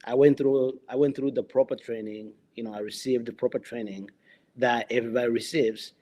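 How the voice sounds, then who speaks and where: A police officer recounts his experiences in a conversational interview, speaking English as a second language rather than his first. His medium-pitched voice is mellow and fairly even, and his speech is halting, full of restarts and "you know" fillers.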